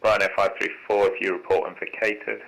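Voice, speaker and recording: Male air traffic controller, low pitch, crisp forceful tone, standard phraseology, radio transmission. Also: little pitch movement, fairly quick, low-quality recording. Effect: aviation radio.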